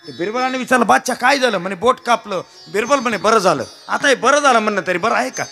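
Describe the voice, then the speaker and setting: A man's voice: high voice, creaky, bright, forceful tone. A man with a Marathi accent preaching a devotional kirtan, telling stories, joking with the crowd and calling on listeners to answer back. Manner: calls out to the audience and has them answer back; addresses listeners as maharaj, jokes with the crowd. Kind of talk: devotional storytelling sermon.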